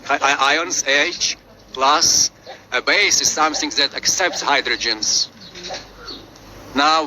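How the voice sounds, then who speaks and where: A man with a Slavic accent presents a scripted lesson in a mid-pitched, sharply bright voice. He reads haltingly, doubling back to repeat and fix words. Faint noise sits behind him in what sounds like a simple home recording. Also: low-quality recording. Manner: halting delivery, often repeating and correcting words. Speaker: presenter of a chemistry refresher. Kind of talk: lesson read from on-screen script with asides.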